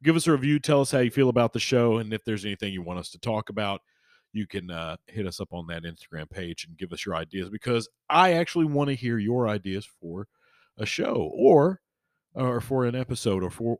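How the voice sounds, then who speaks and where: A man hosting a podcast solo in casual, rambling, chummy talk, swinging between emphatic bursts and quiet trailing-off. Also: mid-range voice, animated, fairly quick, dry recording, studio quality. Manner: rambling, informal, chummy address to listeners. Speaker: podcast host.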